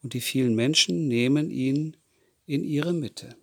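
A man tells a Bible story to children at an unhurried, deliberate pace. He keeps pausing to ask his young listeners questions. The recording is dry, with no room sound. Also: mid-range voice, gravelly, a bit bright, breathy edge, no room sound.

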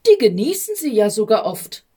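A woman voicing Sickness, a pushy female figure in a storybook reading who talks fast and insistently. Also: on the high side, very animated, mellow, husky. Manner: rapid, insistent and self-pitying.

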